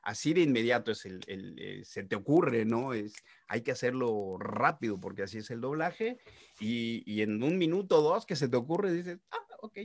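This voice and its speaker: A middle-aged man, a voice actor telling stories in an interview, animated and full of sound-effect interjections. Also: mid-range voice, normal speed. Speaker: voice actor guest. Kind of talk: casual interview storytelling.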